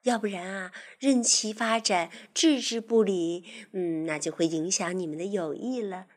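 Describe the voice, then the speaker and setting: A woman telling a children's story, gently coaxing and talking directly to the little listener. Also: medium pitch, measured pace.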